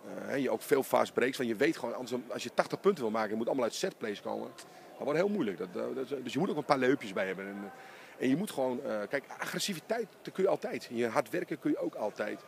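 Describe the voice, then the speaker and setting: Speaking close to an interviewer's handheld mic, a middle-aged basketball coach talks emphatically in an empty arena after a game. The medium-pitched voice is gravelly, his delivery animated and bursting quickly, with slight background noise.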